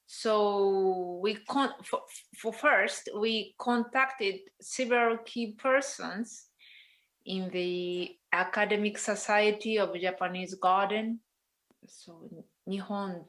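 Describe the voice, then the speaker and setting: Slow, measured woman giving a presentation. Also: mid-range voice, a bit bright. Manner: careful, measured, some hesitations. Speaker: landscape designer presenting. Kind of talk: formal conference talk.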